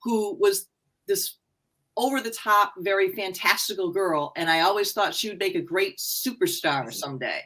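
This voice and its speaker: A woman's voice: medium pitch, moderate pace, a bit bright, rough recording. A woman author chatting on a video call, rambling and restarting her sentences. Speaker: romance and mystery author. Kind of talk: casual video chat.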